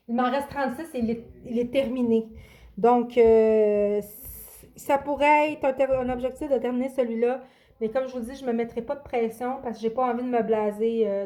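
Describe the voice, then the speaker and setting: A woman's voice: on the high side, warm tone. A woman, casually presenting her coloring books in a vlog, hesitant with many fillers and restarts. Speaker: adult coloring vlogger. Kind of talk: casual show-and-tell vlog.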